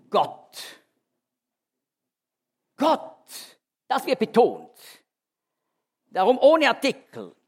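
This man's voice is high and a bit rough. He's a Bible teacher working through an expository sermon one verse at a time, explaining forcefully and often restarting sentences.

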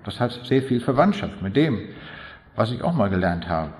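A man's voice: lowish voice, very animated, moderate pace, a little mellow. An older man from East Prussia preaching a fervent sermon, building to emphatic appeals and long spoken lists. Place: large hall. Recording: echoey hall.

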